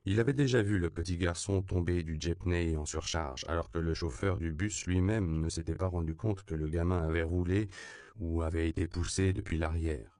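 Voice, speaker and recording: A man narrates an audiobook in an even, measured reading. His voice is very low and gravelly with a rough fry. The recording is dry and close, with no room sound. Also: no room sound. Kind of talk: scripted narration.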